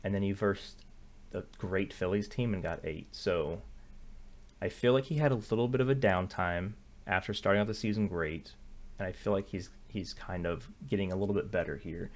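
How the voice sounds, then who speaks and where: A young man with a low voice talks at a moderate pace while hosting sports betting picks. In casual screen-share commentary he thinks aloud, corrects himself often, and leans heavily on fillers.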